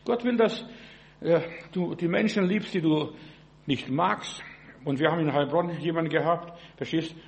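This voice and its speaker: A man giving a sermon in a folksy, halting way, often asking "verstehst du" and restarting words. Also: a little high, gravelly. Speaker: preacher.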